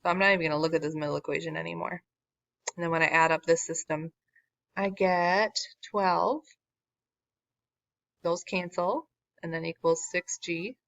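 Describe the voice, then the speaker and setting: Low, gravelly-voiced woman teaching math. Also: steady tone, moderate pace, pauses often, a bit bright, no echo. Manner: casual, self-deprecating, wry asides. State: losing her voice. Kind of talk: recorded classroom lesson walkthrough. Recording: dull lo-fi recording, dry.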